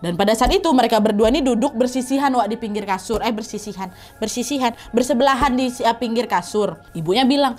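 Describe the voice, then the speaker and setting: A woman, chatty and expressive as she narrates a horror story and talks straight to her listeners. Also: on the high side, fast, few pauses.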